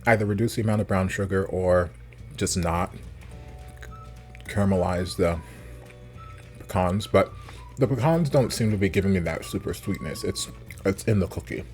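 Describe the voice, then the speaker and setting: An American man chatting casually as a food vlogger, rambling informally and thinking out loud. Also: deep voice, normal speed, pauses often, faint music behind. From United States. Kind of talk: casual rambling chat to camera.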